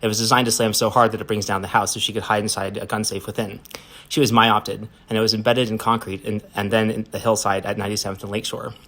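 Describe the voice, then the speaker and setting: A man's voice: lowish voice, flat delivery, quick pace, a bit bright. A man reading aloud and playing a rambling, boastful, eccentric stoner who halts on fillers.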